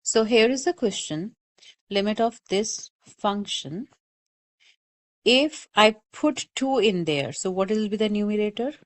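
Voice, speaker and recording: Animated and measured, this mid-range female voice belongs to a math teacher recording a calculus lecture. She explains things step by step with patience, repeats warnings, and often asks "okay?"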